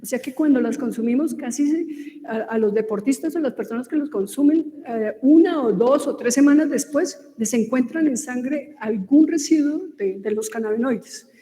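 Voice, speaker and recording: A woman with a Colombian Spanish accent explains her subject in a loose, conversational lecture, often pausing on fillers and restarting phrases. Her voice sits high yet sounds mellow and soft-edged. The recording has an echoey room with a long reverb tail. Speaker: lecturer on cosmetic ingredients. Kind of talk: informal lecture.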